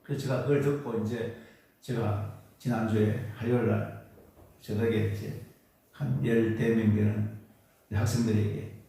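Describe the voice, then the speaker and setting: A man's voice: on the low side, fairly even intonation, a little slow, vocal fry, long pauses, mellow, a little hiss or hum. A male pastor preaching a Sunday sermon in an earnest, coaxing way, often repeating phrases and prompting the congregation. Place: church sanctuary during Sunday service. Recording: echoey church hall from far off.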